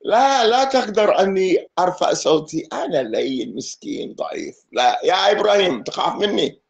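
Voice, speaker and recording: A man's voice: high voice, expressive, normal speed, vocal fry. A man teaching a lesson in a mosque as imam, playful and joking, switching between Arabic and English. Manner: playful, mixing Arabic and English, laughing asides. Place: mosque hall. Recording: echoey mosque hall, dull sound.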